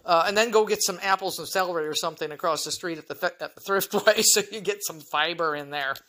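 A woman's voice: fairly low pitch, fast talker, a bit bright. A woman hosting her own podcast, talking in a rambling, frank monologue full of chatty asides. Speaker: podcast host. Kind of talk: casual monologue.

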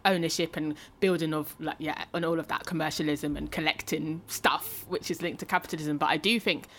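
Low-voiced thoughtful woman. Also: fairly bright tone, a little hiss or hum. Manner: thoughtful, measured, thinking aloud. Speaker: podcast co-host. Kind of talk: reflective discussion.

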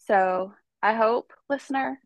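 Stuffed up from a cold, a woman hosting a podcast tells a true-crime tale casually and chattily, with many fillers. Her voice is a little high and unhurried, recorded without echo.

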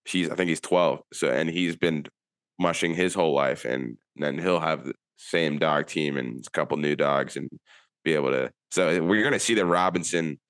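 A man's voice: very deep voice, normal speed, fairly bright tone, dry recording, studio quality. A man co-hosting a casual podcast, talking in an easygoing, chatty way. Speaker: podcast co-host. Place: Anchorage.

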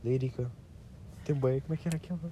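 A man's voice: mid-range voice, fairly even intonation, quick pace, dark tone, a little hiss or hum. A man with a European Portuguese accent chatting on a podcast, laid-back and slangy, rambling as he makes his points. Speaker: podcast guest. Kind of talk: casual banter.

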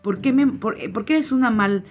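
A small, anxious hummingbird, pleading and easily hurt, voiced by a woman telling a fable. The voice lifts a little higher than her own. Soft guitar plays behind a slightly dull recording. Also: lively intonation, normal speed, close to an everyday voice. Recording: slightly muffled, faint guitar music.

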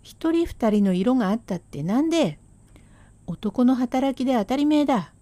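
A woman voicing a swaggering Edo shopkeeper husband who talks in rough slang, blustering and then hushing his wife, in rakugo storytelling. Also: a little high, animated, normal speed, no room sound, natural voice.

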